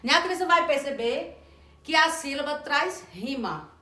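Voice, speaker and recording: Woman, high voice, teacher trainer, deliberate sounding-out of syllables, echoey room. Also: lively intonation, bright, forceful tone. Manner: slow, deliberate sounding out of words and letters. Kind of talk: instructional lesson on early literacy.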